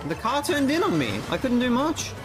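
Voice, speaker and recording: A man streaming video games, giving casual commentary in an excitable, jokey way and often breaking into laughter. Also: very high voice, normal speed, loud music behind the voice.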